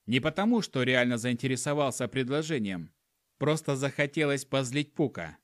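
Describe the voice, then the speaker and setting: Male narrator, wry first-person storytelling, very lively intonation, dry close mic. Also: medium pitch, normal speed, dry recording. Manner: wry storytelling with acted dialogue.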